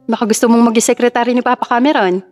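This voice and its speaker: A woman's voice: on the high side, fairly even intonation, rapid-fire, darkish tone, soft background music, close to an everyday voice. A woman voicing a chatty, gossipy young female friend in an audio story. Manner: giddy, gossipy.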